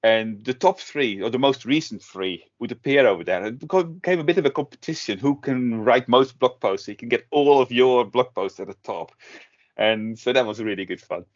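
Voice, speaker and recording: A man's voice: mid-range voice, brisk. A middle-aged man from the Netherlands, talking casually in an interview with many fillers and restarts. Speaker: guest, tech blogger. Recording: dull lo-fi audio.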